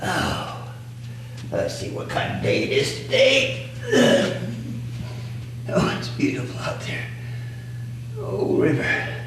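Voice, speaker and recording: A man's voice: mid-range voice, big pitch swings, slow pace, gravelly, long pauses, full character voice. An actor playing a stubborn, grumbling elderly riverboat magnate in a folksy one-man stage monologue. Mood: cranky. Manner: folksy, grumbling, talks back to an unseen doctor. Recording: echoey room, distant mic, noisy.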